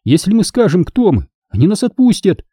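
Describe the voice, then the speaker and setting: A man voicing a hot-tempered teenage girl Jedi apprentice in an audiobook, quick to argue and indignant. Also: sits high, very animated, mellow, husky, no echo, clean studio sound, pitched above the performer's own voice, exaggerated voice. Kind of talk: audiobook character voice.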